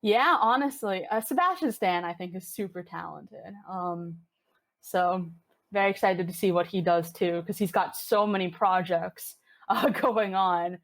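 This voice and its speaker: Speaking at a measured pace in a fairly low voice, this woman from Hong Kong, in her twenties, is an eager guest on a podcast. The conversation is a laid-back interview, and she leans on lots of filler words.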